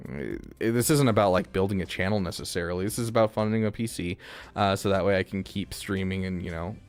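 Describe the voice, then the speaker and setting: A man with a deep voice streams a video game, talking briskly and casually in a rambling chat full of fillers.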